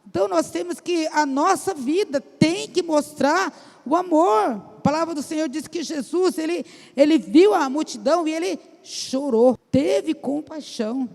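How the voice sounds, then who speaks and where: A woman's voice: high-pitched, moderate pace, gravelly, darkish tone. A Brazilian woman missionary giving an emotional sermon with personal testimony in a church, often calling out to the congregation. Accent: Brazilian Portuguese. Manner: emotional, repeatedly calls out to the congregation. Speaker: missionary preacher. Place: church sanctuary. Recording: church hall with long reverb.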